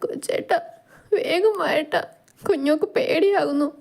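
A woman voicing a frightened young woman who begs tearfully in a high, panicky voice. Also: moderate pace, creaky, darkish tone. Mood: pleading.

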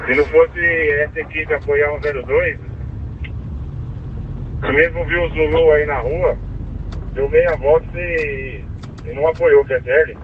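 A man's voice: fairly high pitch, steady tone, a little slow, long pauses. A man with a Brazilian accent, a field officer reporting to dispatch over police radio. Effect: two-way radio transmission. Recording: tinny noisy police radio from vehicle.

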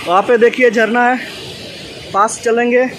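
His voice is extremely high and fairly even as this young man chats to viewers in a casual travel vlog, repeating "दोस्तों" and "मतलब". He holds his phone at arm's length by a forest stream and picnic shelter, and rushing water fills the noisy outdoor recording.

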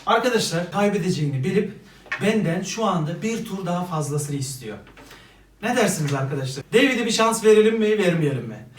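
A man's voice: high-pitched, animated, fairly quick, roomy sound, distant mic. Male host for a family game video: casual, playful commentary to viewers, recorded off-mic in a noisy room. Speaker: host and contestant in a family challenge.

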